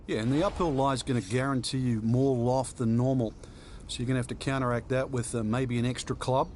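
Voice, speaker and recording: A man giving golf color commentary, explaining shots in a relaxed, conversational way. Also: medium pitch, brisk, background noise. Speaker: golf analyst.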